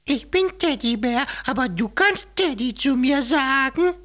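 A man voicing a sad, trembling little male teddy bear in a children's audio story, in a squeaky, plaintive voice. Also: lively intonation, a little slow, bright, forceful tone, full character voice. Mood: shy.

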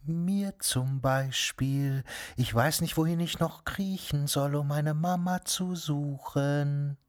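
Fields: Figure: young small snake, gentle and kind, played by a woman. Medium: children's audio story. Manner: soft, reassuring. Pace: unhurried. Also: low-pitched.

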